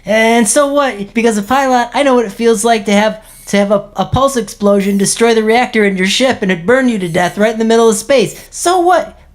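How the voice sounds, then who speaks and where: Brief: easygoing cyborg surfer guy, stammering, higher voice, played by a woman. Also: brisk, close to an everyday voice. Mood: laid-back. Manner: stammering, mellow surfer talk. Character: laid-back male cyborg surfer buddy.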